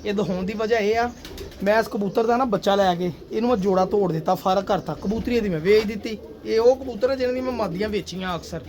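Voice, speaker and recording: A man's voice: high-pitched, fast, darkish tone, a little hiss or hum. Chatty man showing off his pigeons. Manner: chatty and boastful, often addressing viewers as brothers and sir. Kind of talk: casual vlog talk to viewers. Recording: faint pigeon coos and outdoor ambience. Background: pigeons cooing.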